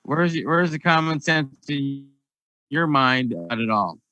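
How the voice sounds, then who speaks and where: A man's voice: a little high, moderate pace, bright, forceful tone, no echo, dull audio. A man moderating a round-table discussion, rambling and repeating words as he steers the talk. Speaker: debate host.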